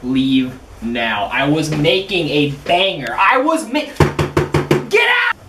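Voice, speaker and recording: Young man acting a high-pitched, whiny, hot-tempered sitcom teen. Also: sing-song, slow pace. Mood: outraged, whiny. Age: young adult. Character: whiny, hot-tempered teenagers and awkward dad in family sitcom parody. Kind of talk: amateur sitcom parody acting. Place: home kitchen, rooms and carport. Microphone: camera mic from a distance. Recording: echoey room, distant camera mic, noisy.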